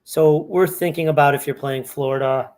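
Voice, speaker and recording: A man with a somewhat raised pitch talks loosely as an analyst going over fantasy sports picks. He thinks aloud and backtracks, conversational rather than scripted. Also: steady tone, normal speed, a little mellow. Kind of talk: casual screen-share walkthrough.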